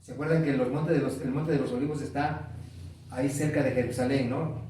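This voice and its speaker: A man's voice: mid-range voice, steady tone, fairly quick, mellow, very echoey, distant mic, a little hiss or hum, poor audio. A man preaching a sermon, asking the congregation questions and repeating key words.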